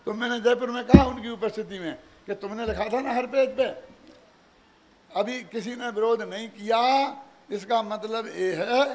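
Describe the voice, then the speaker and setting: An older man giving a religious discourse, animated, full of rhetorical questions and chuckling asides. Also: high voice, a little slow. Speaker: preacher.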